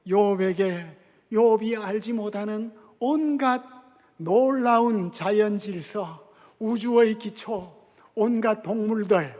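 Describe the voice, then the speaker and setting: An older man preaching a sermon as a guest pastor, emphatic and measured, with dramatic pauses and hushed drops in his voice. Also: high-pitched. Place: large church sanctuary. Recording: long church hall reverb.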